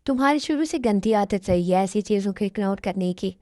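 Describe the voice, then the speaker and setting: A woman's voice: mid-range voice, expressive, a little fast, dark tone, dry recording, clean studio sound, close to an everyday voice. A woman voicing a bossy, teasing young sister who scolds, in a fan dub. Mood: scolding.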